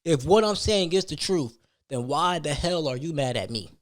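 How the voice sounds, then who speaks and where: Emphatic and full of slang, a man hosting a podcast spins a personal story into a casual rant, leaning on repetition and rhetorical questions. His voice is on the high side and animated, at a normal speed.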